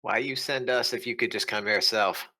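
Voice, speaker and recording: A man's voice: on the low side, fairly even intonation, moderate pace, pushed and bright. A man voicing a simple-minded, blunt goblin in tabletop role-play, speaking in broken, simple phrases. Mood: questioning.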